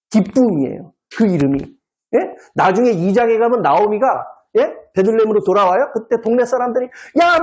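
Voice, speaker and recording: A male pastor mid-sermon in a church service, his pitch swinging widely as he teases the pews with little jokes. He keeps firing questions at the listeners and nudging them for answers with a quick "eh?". His delivery sounds lively and conversational rather than solemn. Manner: quizzes the congregation with constant "eh?" prompts; jokey, playful wordplay.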